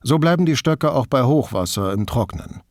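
A man reading an audiobook, voicing a reserved, evasive older beekeeper in a lower, quiet, guarded tone. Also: animated, normal speed, dry recording, studio quality, close to an everyday voice. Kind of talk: audiobook character voice.

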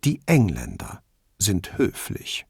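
A man voicing a cultured, quick-witted wife in an audiobook, speaking in a lightly teasing, assured way. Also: deep voice, huge pitch swings, gravelly, a little mellow, slightly rough, dry recording, studio quality, pitched below the performer's own voice, heavily acted.

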